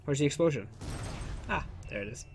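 A man's voice: on the high side, lively intonation, brisk, creaky. Sarcastic man commentating on a video game. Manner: sarcastic, sweary, joking. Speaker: gamer commentating on his playthrough. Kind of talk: casual gameplay commentary. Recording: faint noise and game sound behind. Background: video game sounds.

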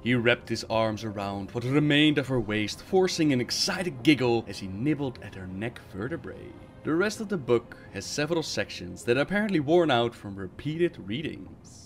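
A man reading fantasy fiction aloud, his pitch sitting in an ordinary middle range. He narrates dramatically and drops in wry host asides between stories. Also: lively intonation, moderate pace, hardly any pauses, faint music behind.

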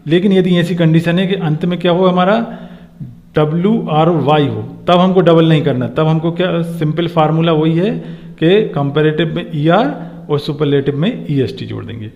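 A man's voice: on the high side, darkish tone. Hindi-speaking man teaching grammar, reverberant. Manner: asks rhetorical questions, spells out letters slowly. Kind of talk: lesson. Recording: dull lo-fi sound with long reverb.

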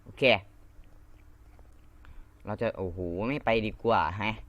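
A man's voice: on the low side, slow pace, dry recording. A young man from northeast Thailand with an Isan accent, chatting casually while he plays Minecraft. He rambles, repeats himself and swears now and then. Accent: Isan Thai. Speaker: Minecraft gamer. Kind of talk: casual gameplay commentary.

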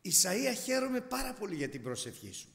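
A male preacher takes on the voice of God, a patient and fatherly deity who makes calm, repeated promises. The voice sits high and moves expressively up and down. It rings out with a long reverb, as in a church hall. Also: gravelly, heavily acted. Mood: reassuring. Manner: reassuring, repetitive declarations.

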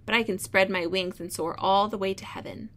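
A woman's voice: mid-range voice, fairly even intonation, fairly quick, fairly bright tone, lightly acted. A woman voicing a sly, jealous, falsely friendly male vulture in a storybook trickster tale. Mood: boastful. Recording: clear background room noise.

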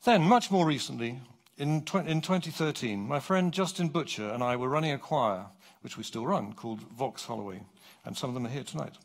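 Man lecturing on a dark stage. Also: medium pitch. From England. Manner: animated, clear and measured. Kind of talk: public lecture, reading from a script.

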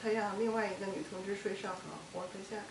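Woman, halting speech, repeats and restarts words, echoey room, noisy, distant mic. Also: mid-range voice, little pitch movement. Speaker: interviewee. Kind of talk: recounting an ordeal in an interview.

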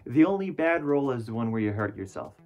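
A man talks from inside a costume head, his voice held at an everyday middle pitch. He explains each step patiently and keeps encouraging the learner. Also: big pitch swings, brisk, a little mellow, soft background music. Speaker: parkour instructor in a fursuit. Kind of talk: instructional tutorial.

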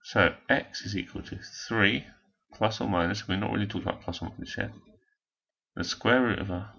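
A man's voice: fairly low pitch, normal speed, creaky, bright, forceful tone, husky, lo-fi sound. A man, walking through a maths exam question step by step as a teacher. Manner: step-by-step explaining, talking while working a calculator. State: hoarse. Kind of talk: recorded maths lesson walkthrough.

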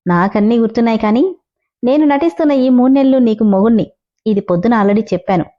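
A woman voicing a confident, scheming young man who talks in a calm, teasing way. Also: on the high side, quick pace, dull audio, close to an everyday voice. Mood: cocky. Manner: calm, teasing, self-assured.

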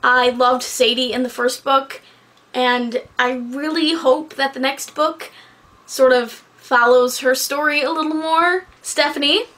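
A woman's voice: high voice, steady tone, a little slow, a bit bright. A young adult woman giving a casual book review to camera in a candid, rambling, casually sweary manner. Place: small bedroom, indoors.

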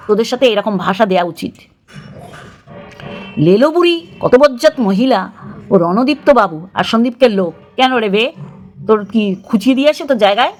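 A woman vlogger delivering an angry, scornful commentary rant full of abusive, disgusted outbursts. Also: mid-range voice.

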